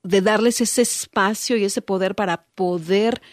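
A woman's voice: mid-range voice, a little slow, no echo, clean studio sound. Woman hosting a talk show. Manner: reflective, shares personal examples. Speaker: host. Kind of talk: interview chat.

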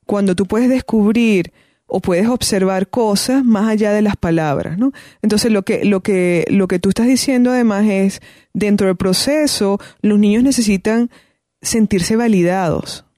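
In a clean studio recording without room sound, a woman with a mellow, medium-pitched voice and measured pace talks as a parenting guest. She advises conversationally and thoughtfully, often restarting her phrases and filling pauses.

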